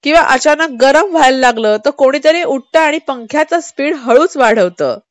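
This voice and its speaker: A woman's voice: high voice, lively intonation, normal speed, dry recording. A woman radio host chatting casually and explaining things to a co-host. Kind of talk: casual chat.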